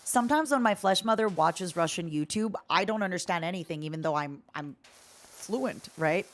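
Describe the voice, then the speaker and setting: Her voice is on the low side, lively in intonation and moderate in pace, as she hosts a gaming stream. She rambles playfully, responding to her viewers' chat.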